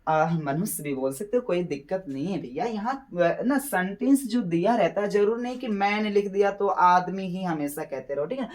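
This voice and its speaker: A man teaching English vocabulary to exam students, explaining in Hindi, slowly drawing out English phrases and constantly checking "okay?" with his class. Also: sits high. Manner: repeats phrases, slowly spells out English words, keeps checking with "theek hai na".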